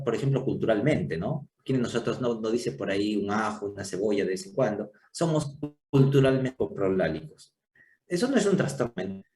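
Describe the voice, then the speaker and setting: A man's voice: mid-range voice, mellow. Male lecturer, patient and explanatory, recorded from a distance with faint background noise. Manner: explanatory, checks in with frequent rhetorical questions. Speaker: psychiatry lecturer. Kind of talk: university lecture. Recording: echoey room, distant mic, faint noise.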